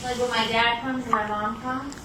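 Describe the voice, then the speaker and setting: A woman's voice: a little high, fairly even intonation, normal speed, recorded from a distance, background noise. A mother talking in sweet sing-song baby talk at home. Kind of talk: casual home video chat. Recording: echoey room.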